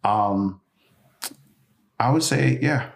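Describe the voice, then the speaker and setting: A man talking slowly and haltingly in a casual podcast debate, restarting his thoughts. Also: medium pitch, vocal fry.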